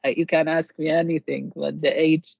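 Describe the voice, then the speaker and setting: Interviewee: man from Iraq, gravelly voice, dry lo-fi recording, halting delivery. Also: a little high, little pitch movement, a little mellow, no echo. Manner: hesitant, many filler pauses. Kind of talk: casual interview answers.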